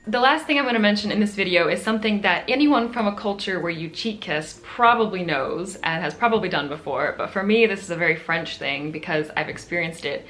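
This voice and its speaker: A woman's voice: fairly low pitch, brisk, few pauses, a bit bright, soft background music. An American woman vlogger chatting to camera, laughing often and poking fun at herself. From United States. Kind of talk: casual chat to camera.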